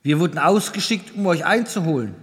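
A man's voice: on the high side, lively intonation, a little fast, in a large hall, natural voice. A man voicing the friendly leader of a band of horsemen, speaking in a soothing, reassuring way. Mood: calling out.

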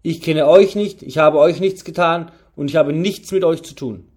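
A proud young would-be knight in an audiobook, read by a man, his defiance carried in a fairly high, raised voice. He answers challenges with stubborn insistence and will not back down. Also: normal speed, darkish tone, reverberant, close to an everyday voice. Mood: defiant. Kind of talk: audiobook reading.

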